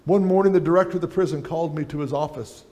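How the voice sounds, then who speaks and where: A man's voice: on the high side, steady tone, racing, a little mellow. A middle-aged man preaching a sermon on a church stage, reading aloud from a book at a lectern.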